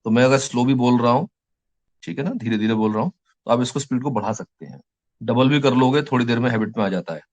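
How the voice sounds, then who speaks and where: With a darkish, mid-range voice and the highs cut off in the recording, this male lecturer speaks with an Indian English accent. Between explanations, he dictates English phrases slowly, one word at a time.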